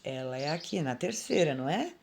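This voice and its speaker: A woman teacher with a Brazilian Portuguese accent explaining grammar to children in a slow, patient way, recorded on a phone at home. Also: low-pitched, big pitch swings, gravelly, slight background noise. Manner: slow, patient and explanatory, calling out words aloud. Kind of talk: remote grammar lesson for children.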